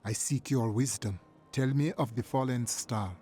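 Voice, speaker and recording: A man's voice: medium pitch, normal speed, natural voice. An actor playing a solemn, noble witch doctor hero in a video game, speaking formally. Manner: formal, declarative. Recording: under loud game music.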